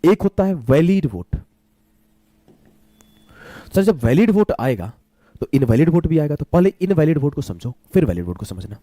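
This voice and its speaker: A man teaches a live online maths class while feeling unwell, so he keeps his pace slow. His voice is mellow and a little raised, and his pitch moves a lot as he repeats key terms. He asks questions and answers them himself, in a dry, close room. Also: sing-song, dry recording. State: unwell, speaking slowly.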